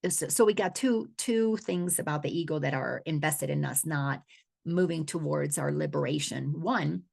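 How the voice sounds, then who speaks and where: A woman's voice: deep voice, moderate pace, creaky, a little mellow, slightly rough. A middle-aged woman from the Dominican Republic, an awareness coach giving a spiritual teaching talk, earnest and often restarting her words.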